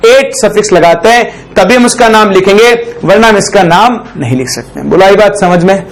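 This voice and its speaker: A man teaching a chemistry lesson in a very high voice. He keeps asking his students a question and answering it himself. He dictates some phrases slowly, word by word, for them to copy down. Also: lively intonation, slight background noise, low-quality recording. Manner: dictates slowly while writing on a board; ends phrases with a checking "ठीक".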